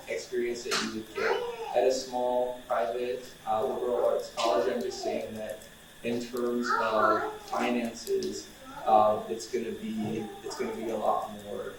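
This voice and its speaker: A young outreach coordinator gives an informal, relaxed talk to students, chatty and loose with many fillers and restarts. His medium-pitched voice has vocal fry, and with the mic set back he sounds distant, with room echo and background noise.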